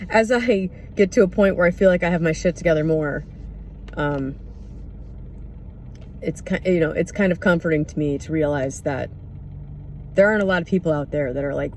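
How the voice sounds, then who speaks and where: Casting: mid-pitched voice for an unscripted reflective monologue, candid, hesitant, casual, with faint vehicle-like noise behind. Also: darkish tone. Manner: candid, hesitant, searching for words. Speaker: podcast or vlog host.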